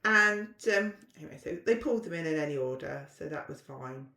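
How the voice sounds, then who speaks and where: A woman's voice: deep voice, lively intonation, a little fast, gravelly, pushed and bright. A middle-aged woman, a podcast guest telling stories in a chatty, self-mocking way, recorded in a roomy space. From southern England. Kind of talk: casual storytelling chat. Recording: roomy echo.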